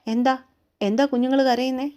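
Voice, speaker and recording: A woman voicing a gentle young father in a storybook reading, coaxing and concerned. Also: sits high, level tone, a little fast, lightly acted. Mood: tender. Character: young father, tender and anxious.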